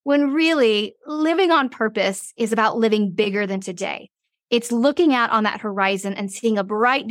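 A woman in her forties, a business owner guest, telling a personal story in an interview and acting out her own thoughts with animated shifts. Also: fairly high pitch, no room sound, studio quality.

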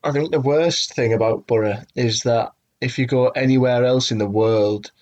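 A young man chats casually on a podcast. He tells stories with plenty of swearing, in a mid-pitched, everyday voice. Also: normal speed, darkish tone, dull audio. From Middlesbrough, England. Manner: storytelling, swears freely. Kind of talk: casual chat.

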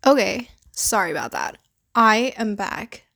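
Her pitch is mid-range and her tone fairly bright, delivered with vocal fry at a measured pace and plenty of animation. She's a young woman from the Philippines with Canadian English, hosting a podcast alone in an offhand, filler-heavy style ("like," "you know") with the odd curse word.

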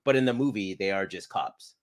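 A man's voice: fairly low pitch, a little fast. A man co-hosting a podcast in casual chat, laid-back and opinionated, often restarting his sentences. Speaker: podcast co-host.

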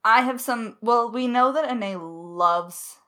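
A woman from Alberta, Canada, who creates audio dramas co-hosts a podcast, chatting casually and answering listener questions. She's giggly, effusive, and slangy, with a high-ish, sharp voice and a slow pace.

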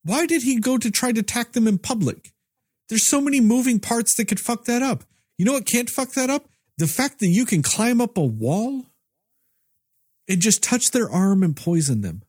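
A man's voice: very high voice, lively intonation, moderate pace, darkish tone, dry recording, studio quality. A man co-hosting a movie review podcast who rants sarcastically and swears freely. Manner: sarcastic, ranting, profane. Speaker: podcast co-host. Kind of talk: casual movie review chat.

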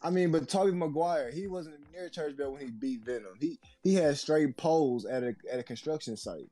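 A man's voice: on the high side, fairly quick, dark tone, no echo, faint music behind. An American man in casual podcast banter, arguing back in a slangy, protesting way.

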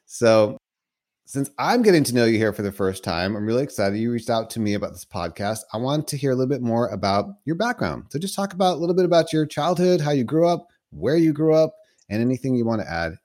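A man's voice: medium pitch, expressive, fast talker, darkish tone. A man hosting an interview podcast, introducing his guest like a showman and then asking questions. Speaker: podcast host.

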